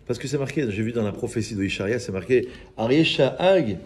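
Lively rabbi teaching a class. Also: male voice, medium pitch, fairly quick. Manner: lively, teasing, chats with listeners. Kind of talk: informal Torah lesson to a small group.

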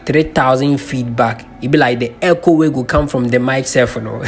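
A man's voice: mid-range voice, normal speed, soft background music. A man with a Ghanaian accent hosting a channel, giving a chatty commentary voice-over that mixes Pidgin into English. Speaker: channel host.

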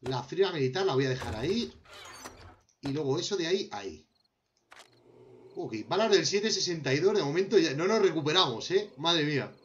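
A man's voice: a little high, expressive, normal speed, long pauses, a bit bright, dull audio, a little hiss or hum. A young man with a Spanish accent, casually commenting on a survival game as he crafts, talking to himself and to his viewers. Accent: Spain. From Spain. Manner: talks to himself while crafting, addressing viewers as friends. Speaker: gameplay commentator.

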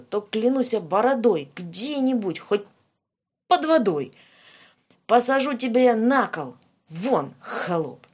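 A woman's voice: mid-range voice, a little mellow, breathy edge. A woman voicing an angry, pompous old tsar in a fairy-tale reading.

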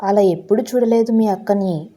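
A woman's voice: mid-range voice, normal speed, dark tone, lightly acted. A woman voicing a grieving middle-aged mother who is anxious and tearful, in a pleading storytelling manner.

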